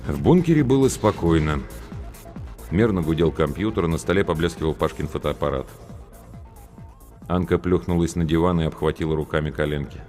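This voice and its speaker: Audiobook narrator: man, low voice, measured and grave, reverberant mix over soft background music. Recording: long reverb with faint music.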